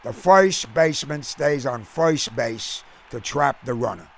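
A man voicing an excitable, blunt baseball fan who explains the game impatiently, in a storybook reading. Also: mid-range voice, a little slow, lightly acted. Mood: explaining, impatient. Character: brash, excitable baseball-loving American man.

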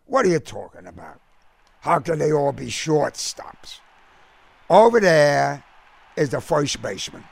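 A man voicing an excitable, blunt baseball fan who explains the game impatiently, in a storybook reading. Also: a little high, measured pace, creaky, long pauses, slightly rough, no room sound, pitched above the performer's own voice, heavily acted. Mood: explaining, impatient. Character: brash, excitable baseball-loving American man.

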